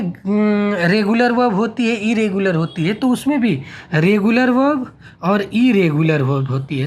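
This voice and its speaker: An Indian man teaching a beginners' French lesson, repeating words one at a time in a slow, halting classroom delivery. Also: high-pitched.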